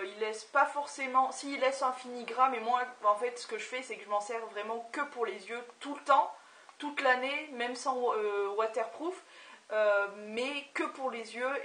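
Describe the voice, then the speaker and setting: A woman's voice: fairly high pitch, fairly bright tone, far from the mic. A young woman reviewing beauty products in a casual vlog, talking hesitantly with lots of filler sounds. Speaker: beauty vlogger. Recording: echoey room, voice off-mic.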